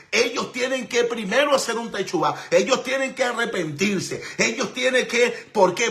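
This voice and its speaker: A man's voice: high-pitched, fairly bright tone. A man preaching a sermon, emphatic and repetitive, asking rhetorical questions and mixing in Hebrew terms.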